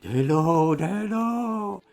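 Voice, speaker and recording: A man's voice: sits high, expressive, drawn-out words, creaky, darkish tone, soft background music, voice pushed up, exaggerated voice. A man reading aloud voices a frantic shell-shocked old war veteran who shrieks for help. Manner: shrieking calls.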